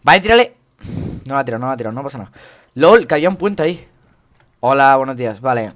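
A young man from Spain with a Spain Spanish accent, jokey and excitable, commentating his gameplay and repeating words in quick bursts. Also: medium pitch. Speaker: gaming YouTuber.

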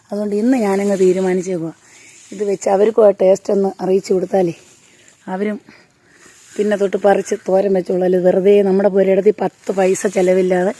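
A home cooking vlogger with a medium-pitched, warm voice chats cozily as she cooks, explaining things while she works. Her voice is hoarse from a blocked throat. The casual vlog moves between her home garden and an old, dimly lit kitchen.

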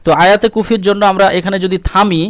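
Man, patient Quran tutor; high, smooth voice, dry close sound. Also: fairly even intonation, dry recording. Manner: slow syllable-by-syllable spelling, drawn-out melodic recitation. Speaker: Quran recitation teacher. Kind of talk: spelling-and-recitation lesson.

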